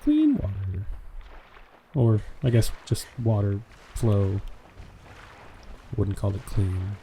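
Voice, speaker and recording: A man's voice: fairly low pitch, huge pitch swings, takes it slowly, warm tone, a little hiss or hum. A man hosting a let's play, giving laid-back, joking commentary while playing a game. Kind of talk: casual gameplay commentary.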